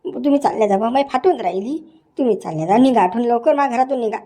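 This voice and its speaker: A man with an extremely high, quick, dark-toned voice plays a nervous, honest village official in a comedy sketch. He protests as he talks, dropping "baba" again and again.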